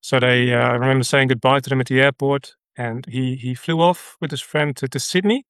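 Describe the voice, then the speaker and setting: A ministry leader from the Netherlands, speaking with a Dutch accent, tells his story as a guest in a conversational interview. His mid-range voice is smooth, a bit bright, and fairly even in intonation, with no echo, and he speaks earnestly and haltingly with many fillers.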